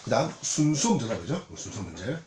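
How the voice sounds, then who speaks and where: A man's voice: medium pitch, sing-song, a little fast. A man with a Gyeongsang Korean accent giving a recorded exam lecture, checking in constantly with rhetorical questions. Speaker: English exam tutor. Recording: roomy echo, faint noise, clicks.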